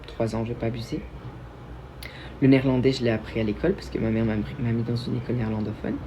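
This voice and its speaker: A man's voice: medium pitch, little pitch movement, fast, dark tone, slight background noise. A young man from Belgium, hosting a casual livestream and answering viewer questions in a chatty, self-mocking way with frequent restarts. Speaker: livestream host.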